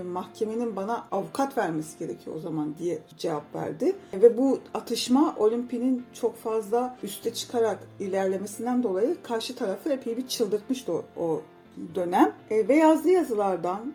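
A woman giving a conversational history talk, pausing often on hesitation fillers. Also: mid-range voice, warm tone. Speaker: storyteller.

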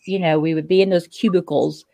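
A woman's voice: on the low side, fairly even intonation, brisk, gravelly, mellow, no echo. Chatty fifty-year-old woman, dry sound. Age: 50s. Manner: chatty, laughs often, frank. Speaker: podcast host. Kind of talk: casual interview chat.

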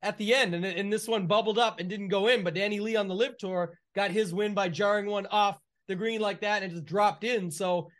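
A man's voice: high voice, steady tone, fairly quick, few pauses, a bit bright. A man co-hosting a golf podcast, chatting casually about sport in loose, run-on, clipped phrases. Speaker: co-host of a golf betting podcast.

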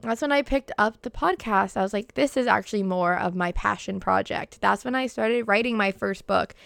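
A woman's voice: medium pitch, normal speed, vocal fry, fairly bright tone, no room sound. A young woman with a Boston accent hosting a podcast, talking casually in an informal, chatty, peppy manner. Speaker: podcast host. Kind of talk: casual solo podcast talk.

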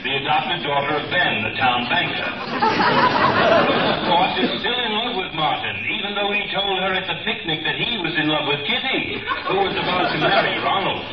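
A man playing a 1940s radio announcer, narrating a soap opera with smooth, dramatic delivery, heard playing from a radio in the room. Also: high-pitched, big pitch swings, moderate pace. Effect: old radio show playing from a radio set in the room. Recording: distant, echoey, lo-fi radio sound with music and crowd behind.

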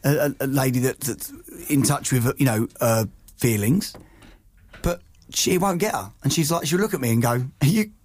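A man, co-hosting a podcast and telling rambling, animated stories full of restarts. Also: medium pitch, normal speed. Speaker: podcast co-host. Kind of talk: casual chat.

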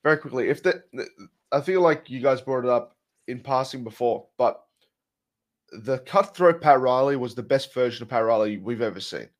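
A man's voice: mid-range voice, expressive, normal speed. A man co-hosting a sports podcast, talking bluntly and swearing, with jokey sponsor reads. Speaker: podcast co-host. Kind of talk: casual sports podcast chat.

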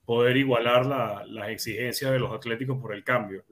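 A man's voice: medium pitch, steady tone, fairly quick, fairly bright tone. A man giving casual sports commentary as a panelist, reasoning things through step by step.

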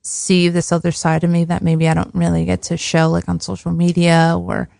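Soft-spoken woman with a creaky voice. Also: on the low side, completely flat delivery, normal speed, dry recording, clean studio sound. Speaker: podcast guest. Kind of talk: casual conversational interview.

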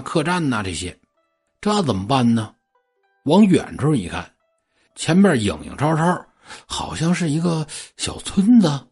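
Husky, animated male storyteller. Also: medium pitch. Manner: colloquial, animated, chatty. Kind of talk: oral ghost-story telling.

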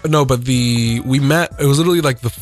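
A man's voice: medium pitch, fast. Young man, band guitarist, casual radio interview, rambling, joking, radio studio, faint music behind. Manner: rambling, joking, full of restarts.

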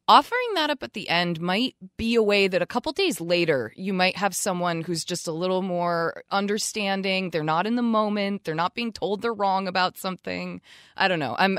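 A woman co-hosts an advice show in a loose, chatty way, cracking jokes at her own expense and laughing often. Her voice sits at a middle pitch. The sound is dry and close. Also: a bit bright, dry recording. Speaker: advice podcast co-host. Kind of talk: casual advice chat. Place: Vermont.

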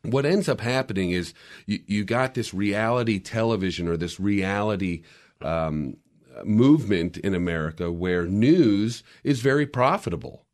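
Low-voiced man explaining at length. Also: normal speed, darkish tone. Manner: explanatory, lecturing with frequent restarts. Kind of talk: casual podcast discussion.

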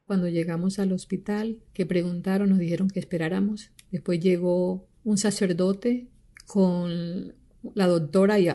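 An older woman giving a personal testimony, speaking haltingly with frequent restarts and repeated words. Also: lowish voice, dark tone. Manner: halting, with many restarts and repetitions. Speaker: victim's daughter giving testimony.

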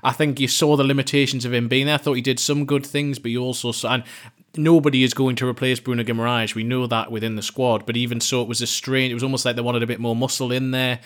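A man's voice: mid-range voice, little pitch movement, fast. Male pundit, mid voice, mulls points aloud with restarts. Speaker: football pundit. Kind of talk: casual football analysis.

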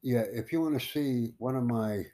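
A man from the United States hosting a live stream, chatting casually with strangers in a rambling, halting way full of fillers. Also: medium pitch, warm tone, slight background noise. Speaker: livestream host.

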